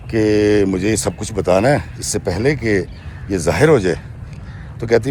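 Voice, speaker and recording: A somewhat low, slightly mellow male voice, recorded with a bit of background noise. He's recounting a true story for viewers, voicing a woman's own account with repeated "she says" tags, and occasionally addresses listeners directly as friends.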